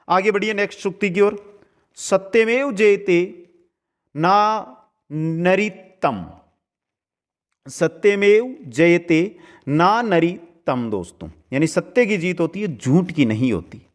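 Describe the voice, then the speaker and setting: A male teacher giving an exam-prep lesson. He chants each verse slowly, then explains it in quick asides, asks students if they understood, and calls them friends. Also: high voice. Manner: addresses students as friends, asks checking questions.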